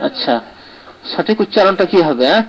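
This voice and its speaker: A man's voice: high voice, animated, brisk, poor audio. Man teaching Quran recitation rules. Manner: explanatory, checks in with "right?" often. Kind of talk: live online lesson answering comments.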